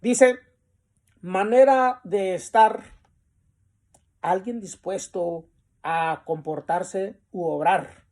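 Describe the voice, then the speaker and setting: A man teaching a Bible class at a very slow, unhurried pace. He reads definitions aloud from the lesson, then explains them in his own words. He pauses often and fills the gaps with "este". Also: high voice, darkish tone. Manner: deliberate, with pauses and the filler "este".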